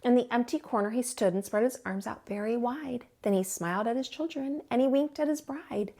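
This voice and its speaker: A woman with a fairly high voice reads a picture book aloud like a teacher at storytime, expressive and theatrical, drawing out words for emphasis.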